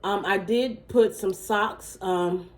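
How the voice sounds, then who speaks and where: A woman chatting casually to her viewers while showing gift totes, her voice a little worn and throaty as she clears her throat. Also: medium pitch, slow, echoey room. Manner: chatty, many fillers, says "okay?" to viewers. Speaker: vlogger, small gift business owner. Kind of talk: casual product show-and-tell.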